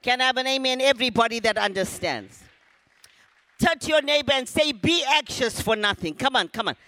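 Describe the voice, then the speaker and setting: High-voiced preacher, bright tone. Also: male voice, lively intonation, a little fast, no room sound. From Zimbabwe. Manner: emphatic, calls on the congregation to repeat lines. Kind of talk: sermon.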